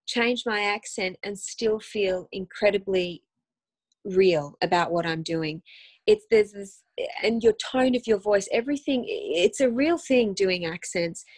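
An Australian actress in her thirties, appearing as a guest, chats animatedly over a phone video call from a room at home, rambling with lots of ums and quick restarts. Her voice is middle-pitched, and the sound is dry and close with no room echo.

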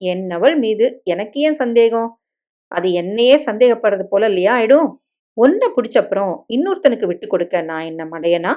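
A woman voicing a devoted young husband in a dramatic story reading, soft and coaxing in manner. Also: mid-range voice, animated, moderate pace, natural voice.

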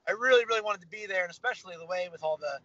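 His high, fairly bright voice races along with no echo as the young man, interviewed as a fighter, rambles cheerfully and fills gaps with filler words. He's on a video call from a parked car via his phone camera, and the sound is a bit dull under a faint hum from the car.

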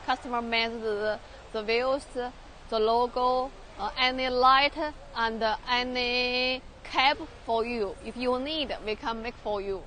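A young Chinese woman touring a large factory workshop in halting English with a Chinese accent, repeating words and using many fillers, filmed on a handheld phone. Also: a little high, fairly even intonation, fairly bright tone, slight background noise. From China. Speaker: factory tour guide. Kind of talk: live factory tour walkthrough. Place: large industrial workshop and outdoor factory yard.

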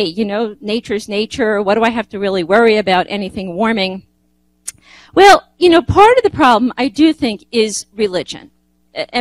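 A woman's voice: fairly high pitch, no echo, rough recording. Chatty woman giving a lecture. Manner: conversational, frequent "you know" and restarts. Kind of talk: informal lecture with slides.

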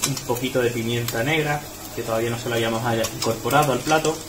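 A cooking demonstration from a small tiled restaurant kitchen: a man with a medium pitch, fairly even intonation and a quick pace explains the recipe stepwise, often checking in with viewers. The space is echoey, with sizzling and frying audible behind him.

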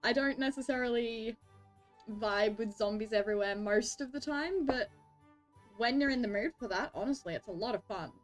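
Australian woman, game streamer, casual chat, giggly, high voice, faint background music. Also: normal speed. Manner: chatty, giggly, greets viewers warmly.

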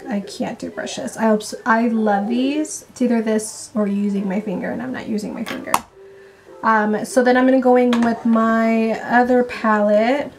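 Excited chatty woman vlogger. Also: on the high side, moderate pace, background noise. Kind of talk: casual makeup vlog.

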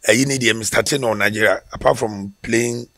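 A middle-aged Ghanaian former footballer with a Ghanaian accent tells his story in a relaxed way, restarting now and then, during a casual interview in Twi mixed with English. He speaks fairly quickly at medium pitch into a headset mic on an outdoor porch by a brick wall, with no room sound.

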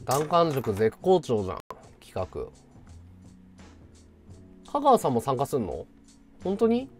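A man in his thirties hosting a casual livestream, thanking viewers in excitable, loud bursts. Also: mid-range voice. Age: 30s. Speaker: livestream host.

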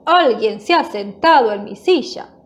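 A woman voicing a big, stern papa bear in a children's storybook, speaking in loud, grumbling declarations. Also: a little high, animated, a little slow. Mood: booming. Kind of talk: storybook voice acting.

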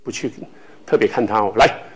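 A man from Taiwan teaching a language class, speaking slowly with many filler tags and repeating words for students to echo. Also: fairly low pitch, breathy edge. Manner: filler-heavy speech with frequent "hou" tags.

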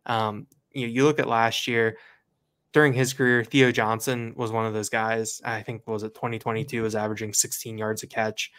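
A man's voice: on the low side, flat delivery, moderate pace, fairly bright tone, clean tone. A man co-hosting a sports podcast, casually breaking down the game and rattling off stats with plenty of fillers. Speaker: podcast co-host.

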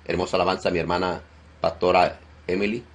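A male pastor leading a deliverance prayer, loudly commanding and rebuking in a forceful preaching style. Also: low-pitched, level tone, brisk.

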